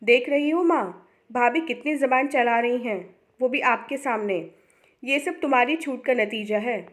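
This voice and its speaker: A woman's voice: on the high side, unhurried, close to an everyday voice. A woman reading a story aloud and voicing a resentful, complaining young sister-in-law in her own voice. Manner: whiny, resentful.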